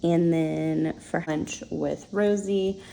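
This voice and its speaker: A young woman chatting casually as a planner vlogger, relaxed and full of fillers while she decorates her planner at home. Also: low voice, slow, vocal fry, rough recording. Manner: chatty, relaxed, many fillers and soft laughs.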